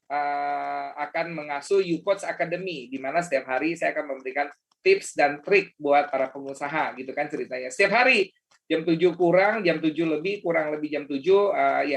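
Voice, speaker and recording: A man's voice: on the high side, a bit bright. Chatty man coaching on a webinar. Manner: casual and chatty, many fillers and restarts. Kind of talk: motivational webinar talk. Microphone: video call.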